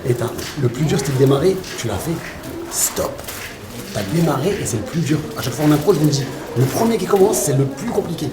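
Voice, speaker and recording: An adult woman coaching a student team, quickly reassuring and praising them after their presentation. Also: sits low, expressive. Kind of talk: encouraging debrief with students. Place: busy event venue. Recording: echoey, crowded event hall.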